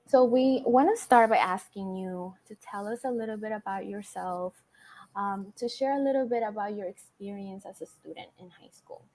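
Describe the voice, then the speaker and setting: A woman's voice: medium pitch, normal speed, darkish tone, low-quality recording. A woman, a former teacher, giving reassuring guidance in a panel discussion. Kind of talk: informational panel talk.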